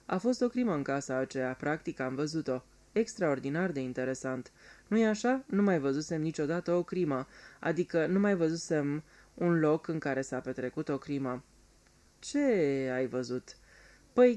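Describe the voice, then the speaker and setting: A man reading an audiobook aloud in a calm, even storytelling manner. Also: fairly high pitch. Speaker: audiobook reader. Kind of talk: scripted audiobook narration.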